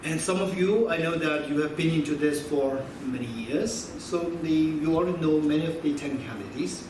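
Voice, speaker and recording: A man's voice: fairly high pitch, normal speed. A man in his fifties teaching Buddhist philosophy to an audience in a conversational way, quizzing listeners and repeating key phrases. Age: 50s. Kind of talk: teaching talk with audience questions. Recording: echoey hall from far off with background noise.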